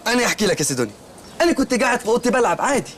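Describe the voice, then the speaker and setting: A man's voice: very high-pitched, sing-song, very fast, a bit bright, a little hiss or hum, full character voice. An actor playing a naive, earnest male shopkeeper in a comedy film, speaking with an Egyptian accent and telling rambling, literal-minded stories. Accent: Egyptian Arabic.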